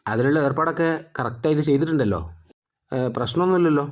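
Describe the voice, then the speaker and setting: A man voicing a scheming adult male villain from a TV serial, read in a flat storyteller's manner. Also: fairly high pitch, fast talker, voice pushed up, natural voice.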